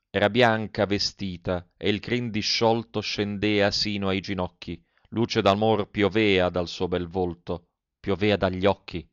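A man giving a dramatic poetry recitation, declaiming with slow, solemn pauses. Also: on the low side, smooth, dry recording. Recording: dull lo-fi recording.

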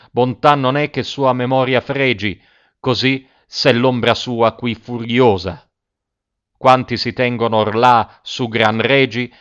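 A man reciting classic verse aloud in a measured, dramatic reading, on a dull lo-fi recording. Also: medium pitch, fairly bright tone, clean tone. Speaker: reader.

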